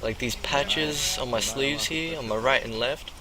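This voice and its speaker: A man's voice: mid-range voice, a little slow, crowd noise, lightly acted. A man voicing a boastful, swaggering pimp character in a game role-play, telling a rambling, profane story.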